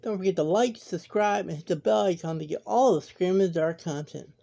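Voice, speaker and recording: A woman's voice: lowish voice, fairly quick, vocal fry. A woman hosting a horror story channel, chatting casually to viewers and often starting with "now". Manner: relaxed, chatty, repeats "now".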